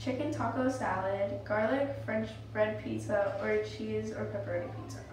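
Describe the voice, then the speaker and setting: A female student reading the morning announcements over the school intercom in a quick, bright manner. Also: medium pitch, steady tone. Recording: echoey, far from the mic, with noise.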